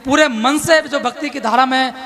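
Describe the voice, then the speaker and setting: A man's voice: extremely high pitch, moderate pace, sharp tone. A man reciting devotional verse on stage in a declamatory manner, repeating couplets for emphasis. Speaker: poet on stage. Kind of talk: Hindi devotional poetry recital at a poets' gathering. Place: poets' gathering before an audience. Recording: live stage microphone, faint crowd behind.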